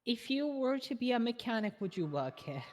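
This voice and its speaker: A woman playing a chatty, nosy city clerk with halting, questioning talk in a casual online game role-play. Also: on the high side, very animated, darkish tone, in a large hall, a little hiss or hum. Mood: inquisitive, halting. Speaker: player acting a customer satisfaction surveyor.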